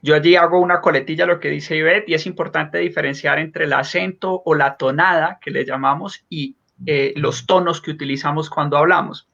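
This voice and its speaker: Bright-voiced Colombian moderator, lo-fi call. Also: male voice, a little high, creaky. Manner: formal, courteous presenter. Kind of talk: moderating an online panel.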